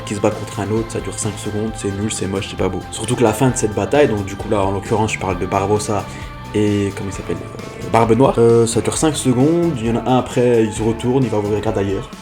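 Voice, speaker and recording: A man reviewing films in a casual, blunt monologue, ranting with slangy exasperation. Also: on the low side. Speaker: film reviewer. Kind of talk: casual film critique monologue.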